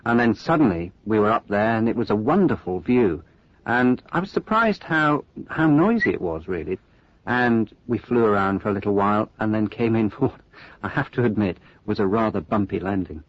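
Wry small-plane passenger, husky and slightly low, dry recording. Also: male voice, normal speed, no echo. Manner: relaxed, wry anecdote telling. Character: adult man recalling a flight in a small plane. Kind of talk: scripted listening exercise monologue. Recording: dry muffled studio recording.

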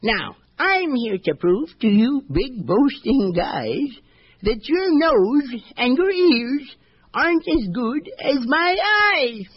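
A squeaky little old worm. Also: male voice, big pitch swings, slow, breathy edge, dull audio, exaggerated voice. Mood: teasing. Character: little old male worm, knowing and teasing.

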